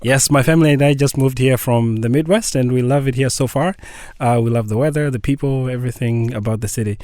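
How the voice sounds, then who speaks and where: A man speaks as a radio guest in a close, dry studio sound. His voice sits at a middle pitch, and he explains things in an earnest, patient way. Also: brisk, a little mellow, no room sound. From Kenya. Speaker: guest, family nurse practitioner. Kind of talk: radio interview.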